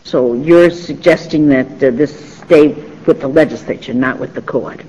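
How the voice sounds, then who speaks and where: A man's voice: medium pitch, moderate pace, dark tone, dull audio, a little hiss or hum. A man, a judge, putting short probing questions to a lawyer in court.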